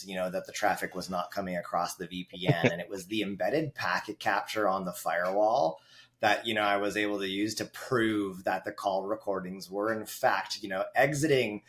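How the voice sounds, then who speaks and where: A Canadian man, a guest on a podcast, chatting casually and telling animated stories about network work. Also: on the low side, moderate pace. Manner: animated storyteller who acts out quoted voices. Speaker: guest, wireless network engineer.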